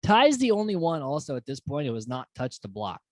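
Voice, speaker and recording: A woman hosting a casual, profane recap of a reality show, swinging from excited to exasperated. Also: low voice, fairly quick, no echo. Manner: profane, animated, mimics houseguests in quoted asides.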